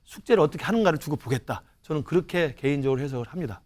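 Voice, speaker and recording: A male professor speaks as a political commentator on a news panel, his voice sitting a little on the high side. He lays out his interpretation patiently, leaning on grading and doctor analogies. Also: animated, rapid-fire, a little mellow. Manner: explanatory, uses analogies. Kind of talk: studio panel discussion.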